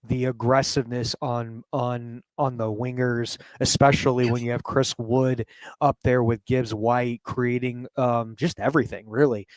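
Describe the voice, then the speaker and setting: A man co-hosting a casual football chat, animated, swearing casually and often repeating his phrases. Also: medium pitch, measured pace, no echo. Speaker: podcast co-host.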